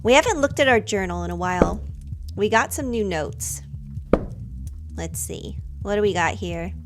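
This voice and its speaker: A woman's voice: medium pitch, sing-song, moderate pace, over music. Chatty woman streaming a game. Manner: chatty, reacts aloud, mutters to herself. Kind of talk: casual game commentary.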